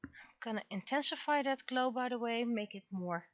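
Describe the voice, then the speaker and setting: Muttering and thinking out loud as she draws, a woman gives casual commentary on her webcomic livestream. Her voice sits a little high and moves at a normal speed; the lo-fi audio has no room sound.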